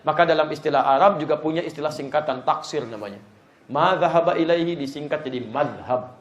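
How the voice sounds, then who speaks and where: A man preaching an Islamic lecture to a live congregation, lively and joking as he speaks to the audience directly. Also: on the high side, fairly quick, lo-fi sound, a little hiss or hum. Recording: echoey room.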